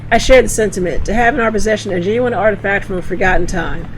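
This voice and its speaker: A woman's voice: medium pitch, quick pace, close to an everyday voice, rough recording. A woman reading the lines of a bookish older male scholar from a game, stumbling and restarting as she reads. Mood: musing.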